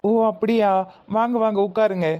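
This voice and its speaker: A woman voicing an elderly, mildly stern father-in-law with a Tirunelveli Tamil accent in a cartoon, speaking slowly and in a measured way. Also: medium pitch, fairly even intonation, dull audio, lightly acted. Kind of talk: cartoon voice acting.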